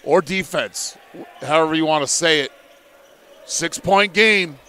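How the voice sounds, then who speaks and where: A man calling a live college basketball game play by play, in measured, steady calls. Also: on the high side, clean tone. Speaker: play-by-play commentator.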